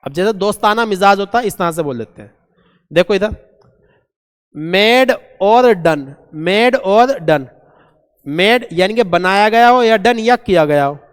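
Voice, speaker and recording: Male teacher, high smooth voice, vocab class, long hall reverb. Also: animated, unhurried. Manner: repeats key words and quizzes students. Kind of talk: vocabulary lesson.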